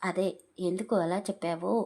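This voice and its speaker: A woman voicing a young husband who talks to his wife in a gently teasing, amused way. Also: on the low side, flat delivery, moderate pace, lightly acted.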